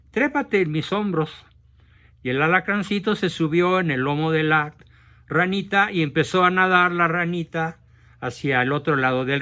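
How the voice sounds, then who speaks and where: A man's voice: a little high, pushed and bright. A man with a Mexican accent hosting a session, telling a fable in a frank, direct manner. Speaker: host of a talk session. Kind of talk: storytelling talk.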